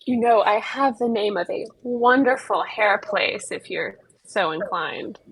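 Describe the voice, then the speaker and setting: Woman playing a husky, wry scaly adventurer. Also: medium pitch, a little slow, no room sound, rough recording. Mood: mock-polite. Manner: dry, teasing, mock-polite. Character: bald, scaly female adventurer, wry and unbothered.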